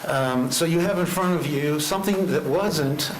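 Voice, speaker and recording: A man in his sixties speaks through a face mask, giving measured, formal testimony at a public hearing. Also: fairly high pitch. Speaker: retired land planner addressing a county commission. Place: indoor public meeting chamber. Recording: echoey meeting room with clear background noise.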